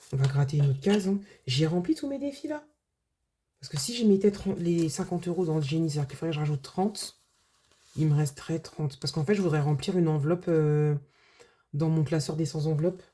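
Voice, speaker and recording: Woman, low voice, mellow tone, casual vlog chat, many fillers. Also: a little fast, slight background noise. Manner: chatty, lots of filler words and restarts. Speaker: budget vlogger.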